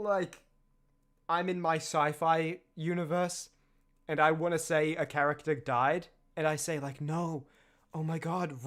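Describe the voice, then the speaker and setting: A young man streaming a game, chatting casually with lively tangents and frequent laughter. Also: a little high. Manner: animated, laughs often, chatty asides. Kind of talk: casual let's-play commentary.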